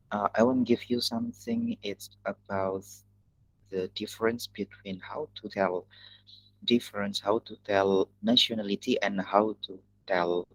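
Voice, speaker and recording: A man with an Indonesian accent teaching an English lesson in an online class, talking in halting phrases that he often restarts. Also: fairly low pitch, dry recording, rough recording.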